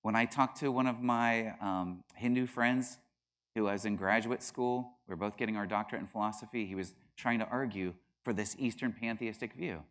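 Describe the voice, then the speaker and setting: Animated man lecturing a class. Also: on the low side, moderate pace. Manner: animated, acts out quoted voices with bursts of laughter. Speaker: teacher.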